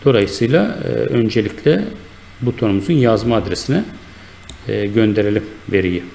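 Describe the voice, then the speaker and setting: A man teaching a software tutorial, talking in an unhurried, explanatory way with many fillers and self-corrections while he works at a computer. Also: lowish voice, expressive, vocal fry, a little hiss or hum. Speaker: instructor. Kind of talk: screen-recorded software tutorial.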